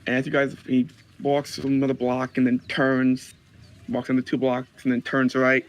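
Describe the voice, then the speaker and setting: A man's voice: mid-range voice, monotone, moderate pace. A man narrating a tabletop role-playing game as dungeon master, describing scenes loosely with many fillers.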